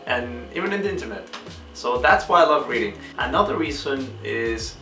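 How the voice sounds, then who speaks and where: A man's voice: mid-range voice, lively intonation, sharp tone. A young man from Peru, hosting a book channel and earnestly answering questions one by one in a casual vlog, now and then searching for a word. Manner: earnest, measured, sometimes searching for words. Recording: echoey room, distant mic, faint guitar music.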